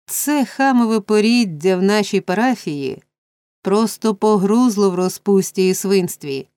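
A woman's voice: mid-range voice, darkish tone, smooth, no echo. Woman doing a pompous blustering beadle. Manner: blustering, scolding, self-righteous. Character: pompous indignant middle-aged male parish beadle.

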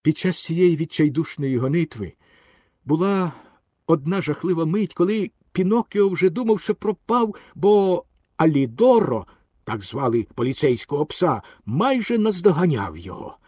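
A man narrating an audiobook fairy tale with expressive storytelling. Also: fairly high pitch, normal speed, slightly rough, no echo, clean studio sound.

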